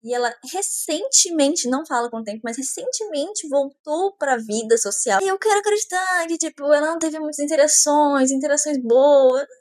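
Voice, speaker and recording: Girl gossiping through a book plot, sarcastic side comments, high voice, dry close sound. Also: expressive, moderate pace, few pauses, a little mellow, dry recording. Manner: chatty with sarcastic asides. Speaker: book reviewer. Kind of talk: casual book recap.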